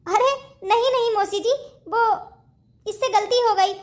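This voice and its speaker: A woman voicing a gentle, devoted young wife in a cartoon family story, speaking politely and respectfully. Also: extremely high pitch, a little slow.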